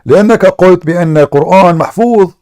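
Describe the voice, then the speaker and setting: A man hosts a live debate broadcast, switching between classical Arabic and English and pressing his caller with repeated questions. His voice sits high, smooth and darkish in tone, and he speaks at a quick pace.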